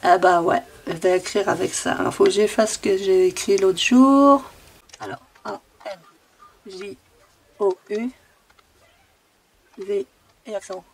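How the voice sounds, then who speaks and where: A woman's voice: mid-range voice, fairly even intonation, measured pace, pauses often, husky. A woman making a handmade card who thinks aloud as she works, often repeating her own phrases in a sing-song way. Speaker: crafting video maker. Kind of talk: casual talk while crafting.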